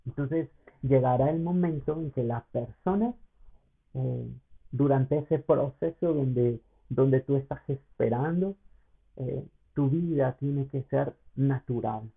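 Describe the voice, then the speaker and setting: A man's voice: medium pitch, takes it slowly, creaky, breathy edge. A male pastor, giving an earnest, personal sermon that often turns to address the listener. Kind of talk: sermon podcast talk. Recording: tinny phone-like sound.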